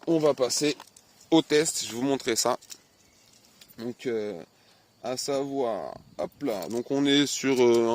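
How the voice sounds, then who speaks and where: A man casually unboxing and reviewing a replica pistol, chatty and animated, reading off specs with many fillers. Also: mid-range voice, slight background noise. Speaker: airsoft unboxing vlogger.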